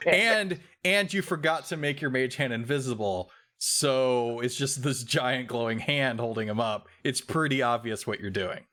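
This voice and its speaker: Man calmly running a tabletop game. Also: medium pitch, a little slow. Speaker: dungeon master.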